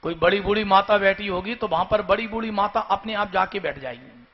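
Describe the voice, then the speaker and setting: High-voiced male religious storyteller. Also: fairly quick. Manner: storytelling, calling out to the audience. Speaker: scripture storyteller. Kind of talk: devotional scripture discourse. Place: live gathering. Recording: dull lo-fi recording, faint music.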